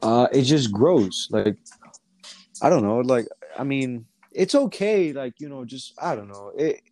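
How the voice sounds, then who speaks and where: A man chatting loosely on a podcast in a mid-pitched voice. He rambles, circles back with fillers and restarts, and swears freely. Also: expressive, measured pace, darkish tone. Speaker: guest rapper. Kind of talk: casual podcast chat.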